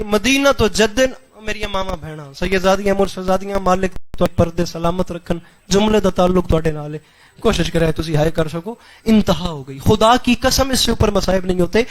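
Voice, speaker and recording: A man's voice: sits high, a bit bright. A man reciting a mournful majlis in a wailing, chanted lament, drawing out lines and breaking into sudden cries.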